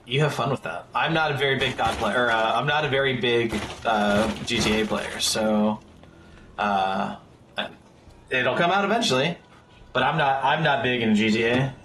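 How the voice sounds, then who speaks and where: A man's voice: medium pitch, moderate pace, echoey room, noisy background. A man in his thirties giving casual live gameplay commentary, chatty and rambling as he talks to his chat. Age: 30s. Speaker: streamer.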